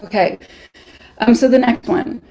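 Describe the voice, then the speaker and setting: A woman's voice: a little high, fairly even intonation, unhurried, warm tone. A woman with a Canadian accent presenting a live online workshop, chatty, laughing often and answering viewer questions as she goes.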